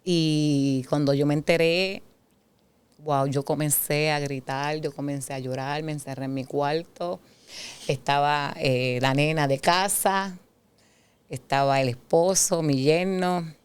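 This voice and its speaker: A middle-aged woman shares her personal testimony as a guest in conversation, animatedly acting out past exchanges as she tells it. Her deep voice is clear and resonant, and her pace is a little slow.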